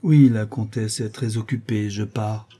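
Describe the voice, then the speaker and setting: A man's voice: fairly low pitch, steady tone, unhurried, mellow, breathy edge. A man voicing a nervous, hesitant prince in a read-aloud novel, speaking in a subdued way. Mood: anxious. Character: anxious nervous male prince, middle-aged suitor.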